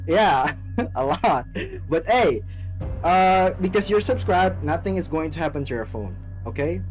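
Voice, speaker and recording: A man's voice: a little high, animated, unhurried, soft background music. A young man talking casually on a video chat, laid-back and repeating himself often. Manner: laid-back, repeats "you know what I'm saying". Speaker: online video prankster.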